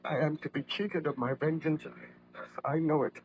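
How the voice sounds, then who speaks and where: Casting: male actor as tormented baron-scientist, higher-pitched, solemn and melodramatic, old radio play with noisy sound. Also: steady tone, moderate pace, lightly acted. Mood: dying, bitter. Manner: formal, declamatory, solemn. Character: weak, anguished, guilt-ridden baron-scientist, doomed and melodramatic. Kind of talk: old-time radio drama acting. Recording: noisy vintage radio drama recording.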